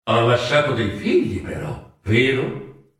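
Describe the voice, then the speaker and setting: A man voicing a probing, knowing spirit who speaks slowly and questions gently in a storybook reading. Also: mid-range voice. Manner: slow, questioning. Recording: echoey room sound.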